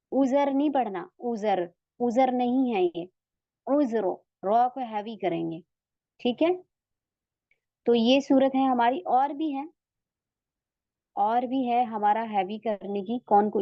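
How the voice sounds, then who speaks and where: Woman, Urdu accent, recitation teacher; slow deliberate lesson delivery, dry dull lo-fi sound. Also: a little high, dry recording. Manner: patient, repeats example words slowly. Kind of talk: slow step-by-step tajweed lesson.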